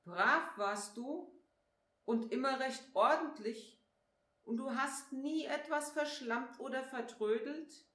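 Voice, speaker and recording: A woman voicing Saint Nicholas, a stern but kindly old man who grumbles and gently scolds a child. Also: fairly high pitch, animated, a little slow. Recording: echoey room.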